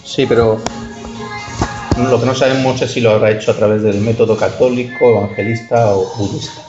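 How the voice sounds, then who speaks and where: Man, radio interviewer, halting and repetitive, muffled sound, music behind. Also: on the low side, level tone, echoey room. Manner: halting, repeats phrases. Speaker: radio show host. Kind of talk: informal interview, introducing guests.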